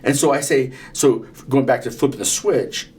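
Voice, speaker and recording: A man's voice: medium pitch, normal speed, darkish tone. Earnest fifty-year-old man telling stories. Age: 50s. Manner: earnest, repetitive restarts, storytelling. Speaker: podcast co-host. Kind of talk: casual podcast conversation.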